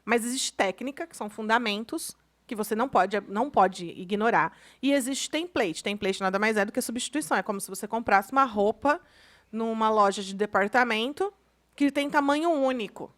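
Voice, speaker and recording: High-voiced, emphatic Brazilian woman co-host. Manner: emphatic and opinionated, quick to disagree. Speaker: podcast co-host. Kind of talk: casual podcast chat.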